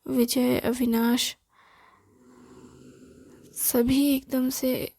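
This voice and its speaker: A woman narrates a romantic story in a soft, half-whispered reading voice. Her pitch is high yet flat, and her unhurried delivery has a gravelly, dark tone in a dry, close sound.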